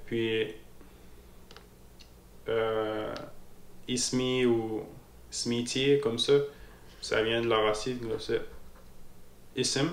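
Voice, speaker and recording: Slow, gravelly man teaching a lesson. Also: medium pitch, level tone. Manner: slow, hesitant, repeats words and keeps checking with "ok?". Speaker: Moroccan Arabic teacher. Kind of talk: casual spoken lesson. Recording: echoey room with faint noise.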